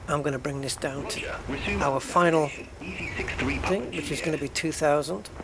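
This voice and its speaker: A man's voice: on the high side, a little slow, gravelly, heavy background noise. A man giving casual, informal gameplay commentary as a flight simulator streamer, with a self-deprecating manner.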